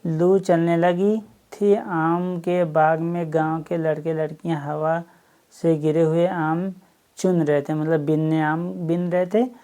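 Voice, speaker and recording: Slow, low-voiced woman explaining a story. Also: flat delivery, warm tone. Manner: adds explanatory asides.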